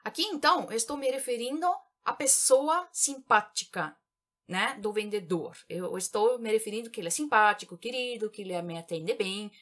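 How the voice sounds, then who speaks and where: A woman giving a vocabulary lesson in a clear, patient teaching voice. She explains each word step by step. She says the example phrases again and again, slowly and with care. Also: medium pitch, fairly bright tone. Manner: slow, careful repetition of example phrases. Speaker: German teacher.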